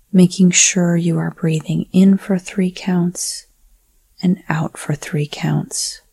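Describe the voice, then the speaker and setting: A woman whispering a slow, soothing guided breathing meditation. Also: fairly low pitch, creaky, mellow, slightly rough, no room sound.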